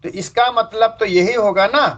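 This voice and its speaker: A man's voice: high-pitched, normal speed, fairly bright tone. A man teaching fractions in a classroom lecture, explaining step by step and repeating key points. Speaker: math teacher. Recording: dull lo-fi sound.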